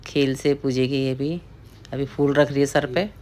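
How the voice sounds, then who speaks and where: A woman's voice: a bass voice, steady tone, moderate pace, a little mellow. Chatty woman narrating. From Pahari hill region of India. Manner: chatty, repetitive, addresses viewers as friends. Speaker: vlogger narrating a family ritual. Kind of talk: casual voice-over commentary.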